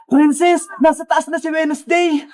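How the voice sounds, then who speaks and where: Squeaky, high-energy cartoon kid, woman voicing it, lots of yelling. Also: moderate pace. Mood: excited. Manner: excited, shouting, high-energy. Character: frightened little girl Princess and her friends. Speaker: voice of all cartoon characters. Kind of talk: children's cartoon voice acting.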